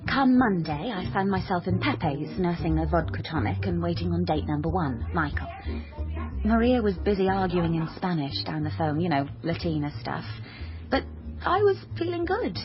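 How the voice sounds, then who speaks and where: In a radio drama, a woman narrates and plays the lead, a bookish, awkward young dropout who tells her story like a crime novel, with first-person noir-style narration and dialogue. She is self-deprecating, dramatic, resolute and wry, speaking in a lowish, sing-song voice at normal speed. The sound is dull, with music in the background.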